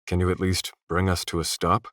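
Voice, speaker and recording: Narrator plays a solemn knight leader, deep, soft, resolved, dry close sound. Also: male voice, completely flat delivery, brisk, no room sound. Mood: resolute.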